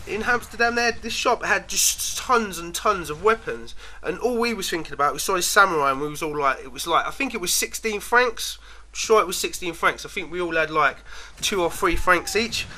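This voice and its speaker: A man's voice: sits high, lively intonation, normal speed, sharp tone, a little hiss or hum. A man telling a rambling personal story in a casual, chatty way, dropping "man" and "like" often.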